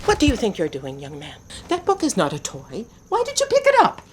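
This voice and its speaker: A woman's voice: on the low side, animated, unhurried, very noisy. A woman playing a stern, commanding old village mage woman in an audio drama.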